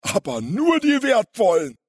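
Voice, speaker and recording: Sly tall crook, sneering and gloating, pitched high and loud. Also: male voice, big pitch swings, normal speed, husky, no room sound, clean studio sound, heavily acted. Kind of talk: storybook reading.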